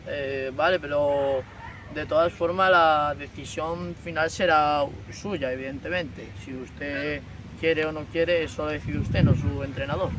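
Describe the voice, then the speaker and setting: A teenage boy plays a stiff, formal sports official on a prank call, stumbling over fillers. His fairly high voice sounds distant, caught by a far camera in a park. Clear outdoor noise runs underneath. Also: steady tone, a little slow. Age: teens. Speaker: prank caller. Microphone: phone on speaker, far camera.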